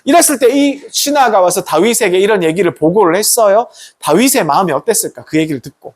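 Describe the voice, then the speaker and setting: Animated pastor preaching to teens. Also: medium pitch, brisk. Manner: animated, asks the kids questions often, tag questions. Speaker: pastor preaching to a youth group. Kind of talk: lively youth sermon storytelling.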